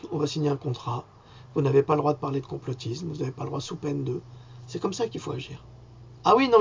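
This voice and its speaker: Gravelly, husky Frenchman ranting. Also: a little high. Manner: indignant, rambling, with sudden mocking outbursts. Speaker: vlogger. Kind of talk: improvised angry rant to camera. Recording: dull lo-fi sound.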